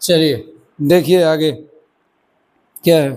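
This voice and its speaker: A man's voice: fairly high pitch, steady tone, slow pace, a little mellow. A man teaching a grammar lesson for exam preparation, talking to students in a loose, conversational way and often checking that they are following. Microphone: microphone.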